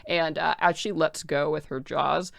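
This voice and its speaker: A woman narrating a tabletop game as game master, improvising in a casual, excitable way with lots of filler words. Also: low voice, a little slow, creaky, no echo, studio quality.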